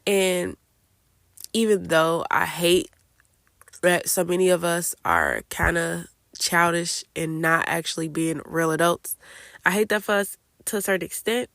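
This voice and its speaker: A late-20s woman hosts a casual solo podcast, congested from a cold and chatting candidly with plenty of fillers like "like" and "I don't know." Her fairly low, slightly bright voice is animated, with vocal fry and a measured pace. The recording is dry and studio-clean.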